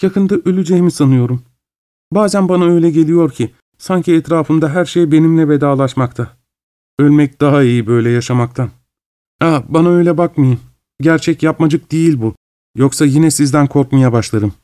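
A man reading an audiobook, voicing a brooding, earnest young woman who speaks softly and hesitantly. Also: sits low, brisk, voice pushed up, lightly acted. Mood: gloomy.

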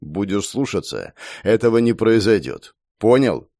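A man's voice: fairly low pitch, big pitch swings, measured pace, warm tone, no room sound, clean studio sound. A man voicing a cruel young man who taunts and threatens his captive in a sneering tone. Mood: menacing.

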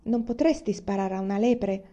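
A quiet young pioneer girl asks her questions in a soft, worried voice, as a woman reading a novel puts her on. The tone is warm and mellow. The recording is slightly dull. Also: medium pitch, moderate pace, close to an everyday voice. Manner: soft-spoken.

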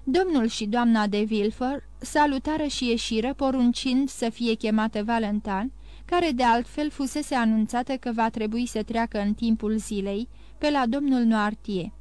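Dry, fairly high female audiobook narrator. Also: a little mellow, smooth, no room sound. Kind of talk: scripted narration.

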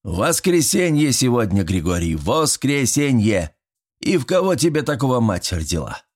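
A man voicing a gruff, bossy one-armed elderly school caretaker and war veteran who barks and scolds his son. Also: mid-range voice, very animated, moderate pace, voice pushed up. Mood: scolding. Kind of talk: audiobook character voice.

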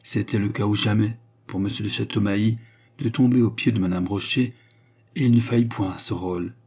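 A man narrating a classic novel as an audiobook in a measured, even way. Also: on the low side, slightly rough.

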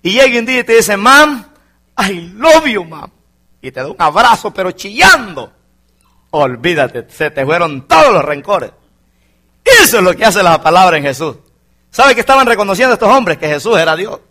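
High, animated man preaching a fervent sermon. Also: brisk. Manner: fervent preaching, keeps addressing the congregation as brother. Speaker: pastor. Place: church congregation.

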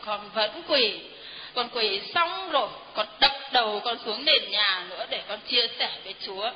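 Earnest high-voiced woman in a reverberant hall. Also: normal speed, slight background noise. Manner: earnest, deferential to the priest. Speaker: parishioner giving testimony. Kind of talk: heartfelt spoken testimony. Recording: dull reverberant hall recording.

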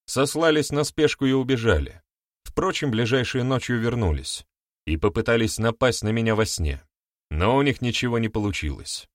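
A man's voice: medium pitch, expressive, moderate pace, dry recording, clean studio sound, close to an everyday voice. A man voicing a stern, commanding male village sorcerer in an audiobook, firm and declaiming. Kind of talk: audiobook reading.

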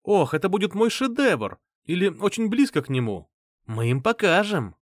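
A man voicing an excitable, eccentric young man who exclaims in a high voice, in an audiobook. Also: brisk, dry recording, studio quality. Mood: giddy.

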